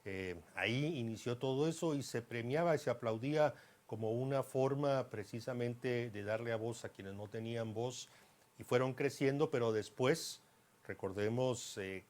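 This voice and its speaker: A man interviewing a guest, putting long, emphatic questions in a measured way. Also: medium pitch, a little mellow.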